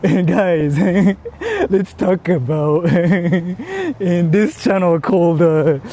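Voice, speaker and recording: A man with a high, sing-song voice and a dark tone speaks very slowly while livestreaming casually, reading viewer comments aloud and answering them in a rambling, self-questioning way full of swearing. He's walking outdoors on an urban street, and the stream clearly picks up the noise of the city around him.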